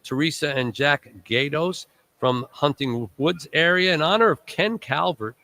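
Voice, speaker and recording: Bright-voiced man hosting a charity radiothon. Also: on the high side, a little slow, vocal fry. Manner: rambling, warm thank-you lists with asides. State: recovering from illness, voice strained. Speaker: radiothon host. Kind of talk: live charity broadcast thank-yous.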